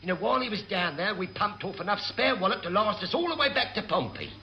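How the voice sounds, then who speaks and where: An actor playing a wily, cheeky chief petty officer in a radio sitcom, brash and offhand. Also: male voice, sits high, huge pitch swings, quick pace, dull audio, a little hiss or hum, full character voice. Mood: breezy, sly. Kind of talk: classic British radio sitcom acting.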